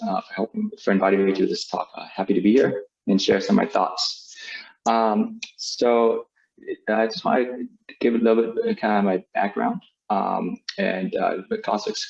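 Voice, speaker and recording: Speaking on a video call, this business school professor in his forties, Vietnamese-born and American-raised, delivers a webinar with frequent fillers and restarts. His low-leaning voice is creaky and a little mellow. The sound is dull and lo-fi, typical of a video call mic.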